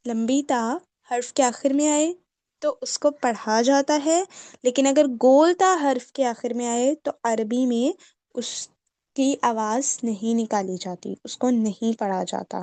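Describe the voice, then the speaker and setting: A woman's voice: on the high side, darkish tone, no echo. A woman with a Pakistani Urdu accent helping run an online class, calling on students by name, asking short questions and summing up the lesson. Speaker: class assistant teacher.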